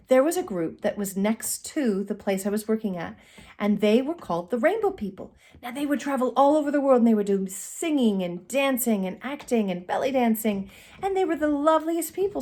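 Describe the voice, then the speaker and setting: Theatrical and expressive, with dramatic pauses, a middle-aged woman tells a comic story from her own life. She's a storyteller hosting her channel, speaking at medium pitch indoors in a small curtained room, captured by a phone at arm's length.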